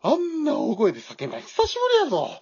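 A woman's voice: high-pitched, huge pitch swings, quick pace, darkish tone, no room sound. A woman voicing a timid, grumbling elderly husband with a Kansai accent in an amateur radio drama, whiny and easily scared. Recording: dull dry lo-fi recording.

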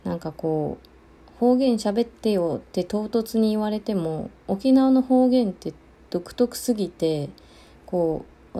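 A woman from Okinawa hosting a solo podcast, chatting casually with many fillers and pauses. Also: fairly low pitch, dark tone. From Okinawa, Japan. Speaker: podcast host.

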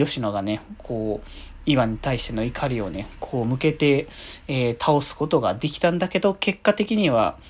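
A man with a mid-range voice hosts a solo podcast about an anime episode, chatting casually but politely and frequently ending sentences with soft, trailing particles.

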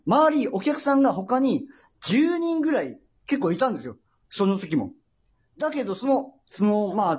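A young man hosting a casual talk show, telling a story politely and hesitantly, with many pauses and filler sounds. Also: high-pitched, a little mellow, husky, muffled recording. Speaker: host.

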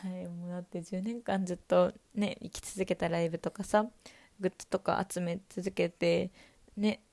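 A young woman, a university student, talking on her own in a calm, casual monologue and speaking straight to her listeners. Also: lowish voice, moderate pace. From Kanto, Japan. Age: young adult. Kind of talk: solo chatty monologue.

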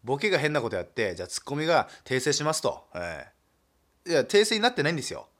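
A male comedian from Nagasaki in a relaxed, self-deprecating solo talk, chuckling often and padding his speech with fillers. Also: a little high, fast talker. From Nagasaki, Japan. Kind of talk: casual solo talk monologue.

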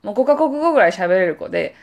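明るい関西なまりの若い女性が、くだけた雑談の中で身振りたっぷりに旅先の思い出を語る。. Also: female voice, mid-range voice, quick pace, gravelly, highs cut off. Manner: animated, acts out quoted voices. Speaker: podcast co-host. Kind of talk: casual storytelling chat.

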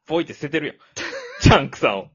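つっこみ役の西日本なまりの男性. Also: male voice, fairly high pitch, huge pitch swings, slightly rough. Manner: quick comebacks, loud laughing retorts. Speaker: podcast co-host. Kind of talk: casual joking chat. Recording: slightly dull home recording.

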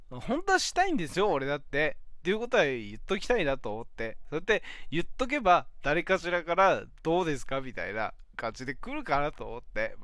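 A young man talks alone into his phone for his weekly talk show, rambling and filling pauses with hesitant ums and self-mocking laughs. His pitch swings widely between phrases. The sound is dry and close, with no room around it. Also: a bit bright, smooth, dry recording. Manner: rambling, many fillers, self-deprecating laughs. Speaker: podcast host. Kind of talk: casual solo talk.

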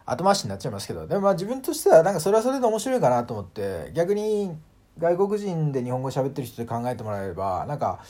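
A man hosting a casual solo audio talk, animated and full of fillers, acting out sounds as he explains. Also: fairly high pitch, fast talker. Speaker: podcast host.

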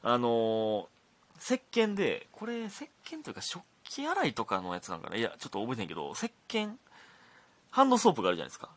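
A man in his thirties with a Kansai accent and a slightly hoarse throat, chatting casually alone as a podcast host reading listener letters, laughing often and dropping to mutters. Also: medium pitch, huge pitch swings, fast, no room sound. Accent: Kansai Japanese. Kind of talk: casual solo chat.

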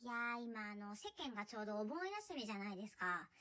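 A young woman telling a funny story from her job in a chatty, animated way, laughing often. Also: mid-range voice, fast talker. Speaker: live chat performer telling a work story. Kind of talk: casual solo talk radio storytelling.

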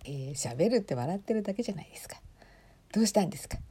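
A woman talks quietly to her listeners while she watches a livestream, often dropping into a breathy half-whisper. Her voice is dark and mellow, with a husky edge. She reacts aloud in a chatty way, close to a phone mic. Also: mid-range voice, expressive, racing. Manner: speaks softly in hushed whispers. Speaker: podcast host watching a livestream. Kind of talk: casual live commentary, half whispered.

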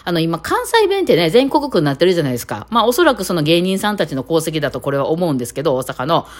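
A woman's voice: deep voice, sing-song, quick pace. A woman with a Kitakawachi Kansai accent, hosting a casual solo chat in a rambling way full of fillers. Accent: Kansai, Kitakawachi dialect. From Kitakawachi area of Osaka, Japan. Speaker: podcast host.

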